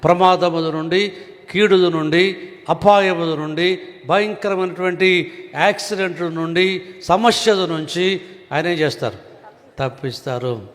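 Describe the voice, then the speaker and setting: A man's voice: high voice, unhurried, long pauses. Preaching man in a reverberant church. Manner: earnest preaching, repeats and asks rhetorical questions. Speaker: pastor. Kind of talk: sermon. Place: church hall. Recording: long reverb of a church hall.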